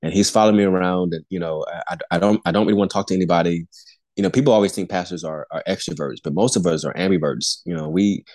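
Appearing on a podcast, this pastor and Air Force airman in his 40s talks fast in a deepish, slightly mellow voice, with a dry, close sound and no echo. His candid faith testimony has an earnest preaching tone, full of restarts and repeated words, punctuated by chuckles between phrases.

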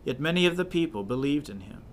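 A man reading scripture and leading prayers at a church service in a measured, solemn cadence. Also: a little high, expressive, slight background noise. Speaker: scripture reader and officiant.

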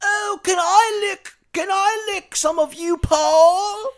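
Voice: extremely high pitch, slow pace, voice pushed up. A podcaster putting on a silly, pleading British man with a mock British accent, as a comic parody. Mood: whiny, pleading.

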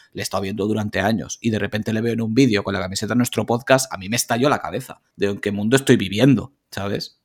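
A man with a Spain Spanish accent co-hosting a podcast in casual chat, telling rambling, animated stories with plenty of swearing over a video call. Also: fairly low pitch. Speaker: podcast co-host.

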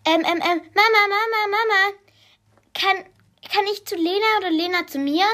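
Woman putting on a little girl voice, eight years old, pushy and eager, slow-ish, pitched up high. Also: expressive, fairly bright tone, heavily acted. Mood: excited. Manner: pleading, eager, whiny when disappointed. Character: excited impatient eight-year-old girl.

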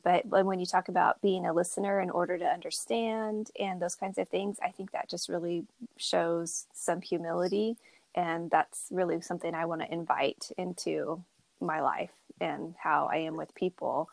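Chatty woman with a low voice. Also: vocal fry, dry recording. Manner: chatty, laughs often, candid. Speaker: podcast co-host. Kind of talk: casual podcast chat.

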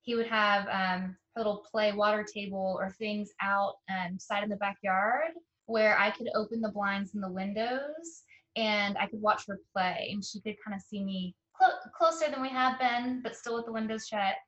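A young woman, an interview guest, tells a personal story in a casual, earnest way, halting often with fillers and restarts. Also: medium pitch, fairly bright tone, muffled recording. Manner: emotional and earnest.

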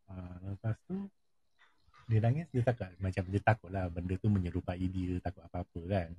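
A man telling a ghost story in casual chat. He repeats key phrases and drops into hushed tones at tense moments. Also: low voice, steady tone, normal speed, dull audio, slight background noise.

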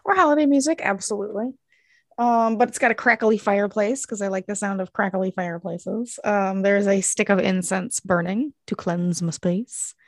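A woman's voice: medium pitch, fairly even intonation, normal speed, no room sound, studio quality. A woman co-hosting a podcast, chatting casually and rambling with lots of fillers from her craft room at home. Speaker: podcast co-host. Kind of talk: casual chat.

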